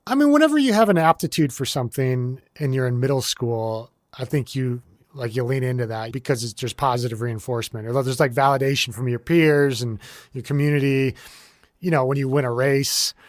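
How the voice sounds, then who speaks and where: A man's voice: mid-range voice, brisk, no room sound, studio quality. A man in his forties from the United States, a guest in a casual interview who rambles with many fillers and restarts. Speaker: guest, ultrarunner.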